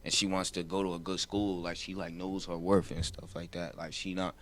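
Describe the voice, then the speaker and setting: A man's voice: deep voice, level tone, brisk, slight background noise. A rapper, chatting in a laid-back, rambling way, with a voice that sounds older than his age. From New Jersey, US. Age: 20s. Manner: laid-back, rambling, says "you feel what I'm saying". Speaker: rapper guest. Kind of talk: casual interview chat.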